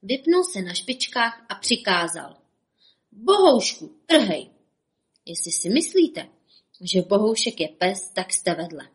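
A woman reading a children's story aloud in a lively, playful manner, speaking to the listener. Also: mid-range voice.

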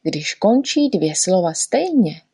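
A woman's voice: lowish voice, very animated, dark tone, breathy edge, dry recording, clean studio sound, full character voice. A woman voicing a fussy little male poet in a storybook reading, patiently explaining and correcting. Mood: lecturing.

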